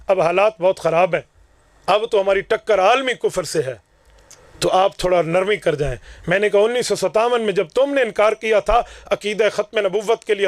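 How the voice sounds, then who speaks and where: A man preaching a fiery sermon to a gathering, declaiming forcefully and acting out both sides of his own stories. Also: high voice, no room sound, clean studio sound. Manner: forceful, declaiming, acts out dialogues. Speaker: Islamic preacher.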